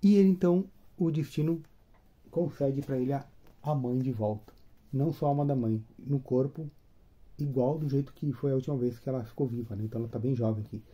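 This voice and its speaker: A man casually retelling a comic book story, chatty and animated, tagging his sentences with questions. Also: medium pitch, a little fast.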